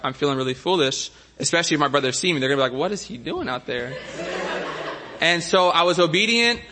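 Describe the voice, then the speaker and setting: Bright-voiced man telling a faith story. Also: a little high, in a large hall. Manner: casual, self-deprecating, halting restarts. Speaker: testimony speaker. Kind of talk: faith testimony talk.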